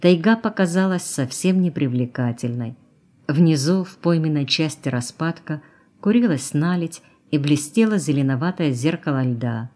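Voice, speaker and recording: Female audiobook narrator, measured and even. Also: deep voice.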